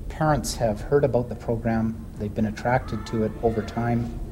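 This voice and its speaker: A man's voice: medium pitch, steady tone, moderate pace, dark tone, slight background noise, low-quality recording. A man who runs a school, answering interview questions thoughtfully with hesitant restarts. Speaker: school administrator.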